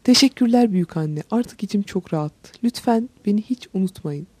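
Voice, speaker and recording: A remorseful young boy from a storybook, hushed and contrite, his voice soft and a little breathy. A woman reads him, mellow and dry. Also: medium pitch, animated, a little fast, no echo.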